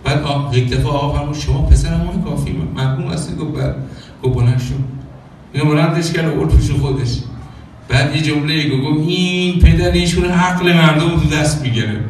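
A man's voice: a little high, a little hiss or hum. A man preaching a sermon, telling stories and acting out quoted dialogue with sung phrases. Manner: animated, acts out quoted dialogue, sings some phrases. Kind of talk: religious sermon with storytelling. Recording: echoey hall from far off.

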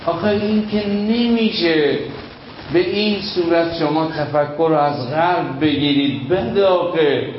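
A fairly high-voiced man preaches with feeling, slowing down for weight and then surging up as the story builds. The sound is echoey and a bit dull, as if from a hall with a lo-fi recording and faint hiss behind him. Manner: emotional storytelling with dramatic pauses and sudden rises. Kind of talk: sermon.

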